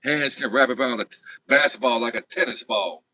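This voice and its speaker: Bright-voiced man hosting a livestream. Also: mid-range voice, fairly quick, low-quality recording. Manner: animated, talks to viewers directly. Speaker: livestream host. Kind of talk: casual livestream commentary.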